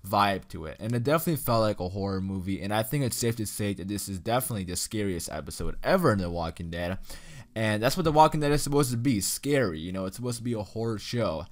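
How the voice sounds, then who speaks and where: A man's voice: lowish voice, lively intonation, fast talker. A young man giving a casual, enthusiastic ranking commentary, full of "you know" and "like.". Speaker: YouTube reviewer.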